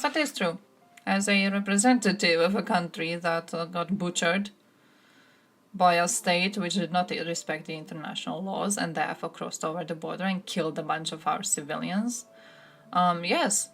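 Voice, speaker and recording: A woman from Croatia talks straight to her live-stream chat in a gravelly, fry-edged voice at an ordinary pitch. She is blunt and sarcastic and swears freely. Faint music sits under her voice. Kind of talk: live-stream political commentary, answering chat.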